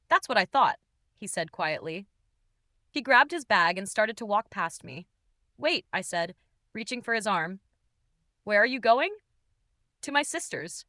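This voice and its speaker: Female narrator, first-person drama, bright crisp voice, dry booth sound. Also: medium pitch, no room sound. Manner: confessional, tense and dramatic. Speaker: storyteller.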